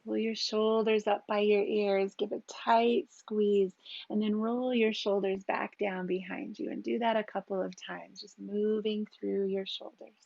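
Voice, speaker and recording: A woman leads a yoga and meditation session in an unhurried, soothing voice, letting long pauses fall between her cues. The sound is dry and close, with a slightly dull, muffled tone. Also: mid-range voice, vocal fry, dry recording. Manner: calm, slow, gentle cues with long pauses. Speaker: yoga teacher. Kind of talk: guided yoga and meditation instruction.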